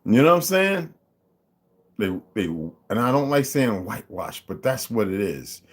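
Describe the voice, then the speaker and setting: A channel host with a lowish voice speaks unhurriedly, his pitch swinging widely as he lays out his views in a casual monologue. Emphatic, mocking interjections pepper his talk as he reads figures aloud and asks listeners to follow along.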